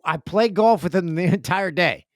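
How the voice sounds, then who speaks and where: Reading listener emails and telling rambling, jokey stories with animation, a podcast host chats casually on a microphone in an indoor room set up for video. He's high-pitched and speaks at a normal speed, recorded dry with clean studio sound.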